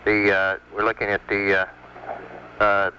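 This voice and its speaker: A ground control communicator talking over a crackly headset radio link, halting and full of fillers. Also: male voice, fairly low pitch, monotone, sharp tone. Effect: crackly headset radio transmission. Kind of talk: air-to-ground radio exchange. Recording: muffled radio link with static.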